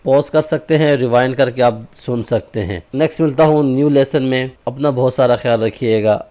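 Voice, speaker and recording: A man teaching a tajweed lesson on Quran recitation. He explains step by step, checks in with "okay?", and slows down into drawn-out recited examples. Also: mid-range voice, mellow, smooth.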